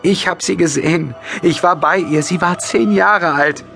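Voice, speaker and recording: A man's voice: high-pitched, measured pace, gravelly, a bit bright, faint music behind, voice pushed up, full character voice. A man voicing a desperate young woman, crying and pleading insistently in an audiobook.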